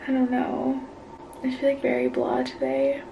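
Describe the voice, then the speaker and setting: A young woman in her twenties vlogs into a close phone camera, her voice a touch high and kept soft, at times nearly whispered. She sounds stressed and anxious, speaking in a low-key, casual way. A faint background noise sits under her voice. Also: sing-song, moderate pace, creaky. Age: 20s. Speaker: vlogger. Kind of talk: casual vlog talk to camera.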